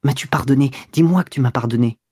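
A man reading a gruff, broke young man. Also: mid-range voice, fast talker, darkish tone, no room sound, clean studio sound, lightly acted. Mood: pleading. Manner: gruff, then stammering and begging. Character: broke, irritable young man, pleading when cornered. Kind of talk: audiobook dialogue.

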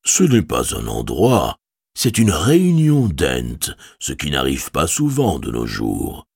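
Man doing a huge ancient tree-creature, booming and very deep, slow ponderous drawl, big swoops in pitch, dry close sound. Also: wildly swooping pitch, creaky, darkish tone, breathy edge, no echo, full character voice. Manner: slow, drawn-out, ponderous speech. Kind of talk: audiobook character voice.

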